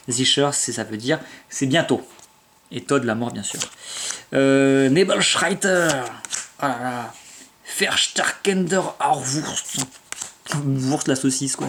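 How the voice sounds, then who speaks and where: A man chatting casually and with enthusiasm while opening card packs, full of fillers and restarts, reading out foreign card names slowly. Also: mid-range voice, slight background noise.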